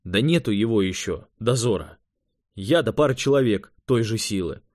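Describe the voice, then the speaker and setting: A male narrator plays a young mage who eagerly explains himself in a raised voice. His pitch swings widely as he argues his case. The recording is close and dry. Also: lively intonation, normal speed, a little mellow, dry recording, close to an everyday voice.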